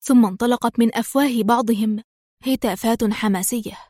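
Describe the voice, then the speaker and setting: A woman's voice: a little high, a little fast, warm tone, no echo. Woman narrating a story, dry close sound.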